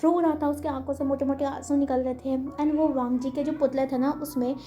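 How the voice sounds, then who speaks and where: A woman retells a fan story in a chatty, casual way, leaning on fillers. Her voice is high and soft-toned. Faint music plays underneath. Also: steady tone, a little fast, reverberant. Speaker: fanfiction narrator.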